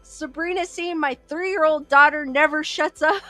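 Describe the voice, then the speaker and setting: Her high, sharp-toned voice stays steady and unhurried as she hosts a livestream, laughing often and casually reading viewer comments aloud. Korean was her early childhood language; the audio has no echo, just faint music behind.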